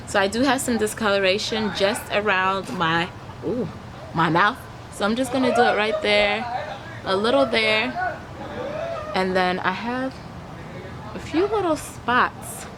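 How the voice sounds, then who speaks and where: A young adult woman with a medium-pitched, expressive voice speaks at a measured pace, pausing often, as she gives a makeup tutorial to camera. A chatty beauty vlogger, she explains each step while applying makeup in a leafy backyard garden, with noisy outdoor ambience and traffic hum behind her.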